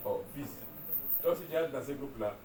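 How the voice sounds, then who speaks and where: A man preaching a sermon as pastor, animated, with call-and-response and laughing asides. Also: medium pitch, fairly quick, crowd noise. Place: large church hall. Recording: echoey church hall, far from mic, congregation. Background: congregation responding.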